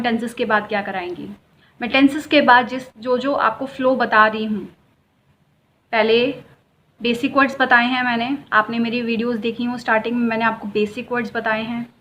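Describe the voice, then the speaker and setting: A woman's voice: a little high, steady tone, moderate pace, sharp tone, slight background noise, rough recording. A woman teaching English in a casual, chatty and encouraging way, mixing English phrases into her talk. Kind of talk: casual spoken lesson.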